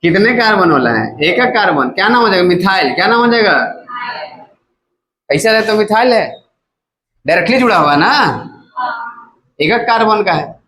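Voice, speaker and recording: A man's voice: high-pitched, animated, moderate pace, long pauses, pushed and bright, low-quality recording. A male chemistry teacher giving a casual classroom lecture who keeps asking his students to repeat each term back to him. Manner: casual, coaxing teacher talk.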